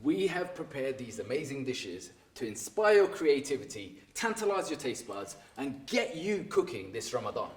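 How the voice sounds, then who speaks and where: A man's voice: mid-range voice, sing-song, moderate pace, few pauses. A man presenting a cooking show in an upbeat, jokey way, introducing the chef and urging him on. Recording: echoey room.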